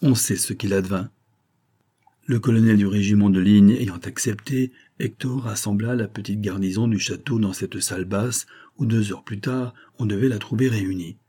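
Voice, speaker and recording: A male narrator reading an audiobook in a measured, storytelling voice. His low voice is dark and mellow, with a husky edge. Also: steady tone. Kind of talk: scripted narration.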